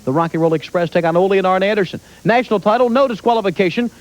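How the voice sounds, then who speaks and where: A man's voice: high-pitched, rapid-fire. A male wrestling announcer giving an emphatic event promo, reading out a match card.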